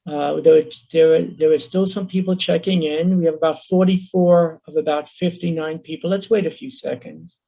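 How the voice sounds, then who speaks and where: A man with a Bronx accent giving an earnest, fast-paced webinar talk as a social worker over a video call. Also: a little high, steady tone, vocal fry, mellow, poor audio. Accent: New York Bronx.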